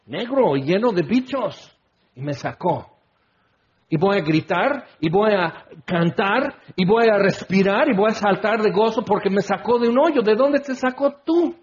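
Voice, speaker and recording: Predicador masculino de voz aguda, enérgico, que imita voces en su sermón; sonido apagado. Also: male voice, sits high, highs cut off. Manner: animated, acts out quoted voices, shouts exclamations. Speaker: preacher. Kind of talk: sermon.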